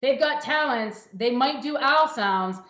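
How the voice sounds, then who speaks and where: Woman livestream host, higher voice, playful, roomy echo, dull lo-fi sound. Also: animated, fairly bright tone. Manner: chatty, playful, fast asides. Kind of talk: upbeat livestream hosting.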